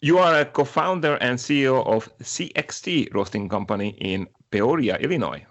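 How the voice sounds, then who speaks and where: A man's voice: mid-range voice, lively intonation, moderate pace, a bit bright, muffled recording. A man from Slovakia whose first language is Hungarian, hosting a podcast interview in a casual, chatty way with many fillers. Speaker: podcast host.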